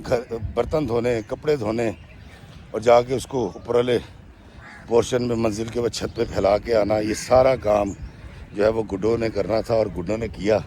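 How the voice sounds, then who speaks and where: A man's voice: medium pitch, darkish tone, a little hiss or hum. Emphatic male storyteller. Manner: conversational, emphatic. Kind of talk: narrated true-life story.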